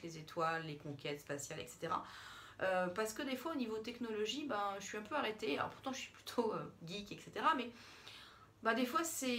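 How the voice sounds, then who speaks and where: A woman's voice: mid-range voice, a bit bright, a little hiss or hum. A woman vlogger talking casually to her camera about books at home, hesitating often with fillers and restarts. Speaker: book vlogger. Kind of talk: casual book review to camera. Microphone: camera in front, she steps back from it.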